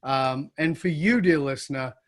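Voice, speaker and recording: A man's voice: fairly high pitch, normal speed. A man hosting an interview podcast, chatting emphatically and agreeing often with his guest. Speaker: podcast host. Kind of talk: casual interview chat.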